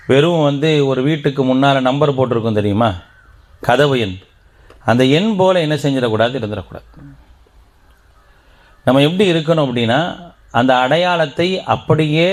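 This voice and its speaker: Man preaching, quizzing his listeners. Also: mid-range voice. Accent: Tamil Nadu. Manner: interactive, quizzes the audience with questions. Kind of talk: Islamic teaching talk to members. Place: outdoor garden gathering.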